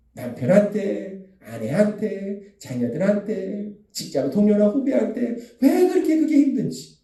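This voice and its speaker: A male pastor delivers a Sunday sermon with a high, animated voice that swings widely as he repeats his key phrases for emphasis. The tone is deeply mellow and dark. He sounds distant from the mic, his words ringing in a reverberant church room.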